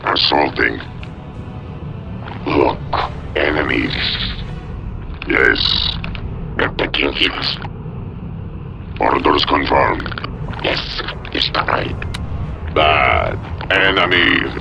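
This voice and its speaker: A man voicing a gruff alien soldier in a video game, barking terse, guttural, obedient battle replies in simple broken phrases. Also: rumbling low, extremely slow, pauses often, full character voice. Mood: gruff, martial. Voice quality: guttural, gravelly. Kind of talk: video game unit responses. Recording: music behind the voice.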